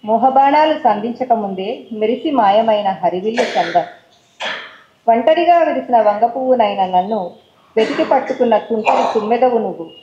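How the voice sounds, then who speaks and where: A woman's voice: fairly high pitch, echoey room, lo-fi sound. Woman reciting poetry in a Telangana accent. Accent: Telangana Telugu. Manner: casual talk mixed with English words; rhythmic recitation of verse. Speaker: poet reading her own work. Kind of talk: poetry recital with chatty introductions. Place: stage at a poetry forum event.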